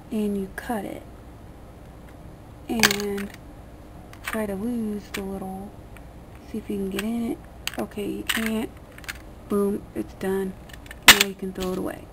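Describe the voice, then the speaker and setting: In a small, dim room, a vlogger at a table demonstrates something by hand while rambling casually, with no script, in colloquial, somewhat crude speech. Her voice is creaky and mid-range. The camera mic points at her hands, and the homemade recording carries a lot of noise.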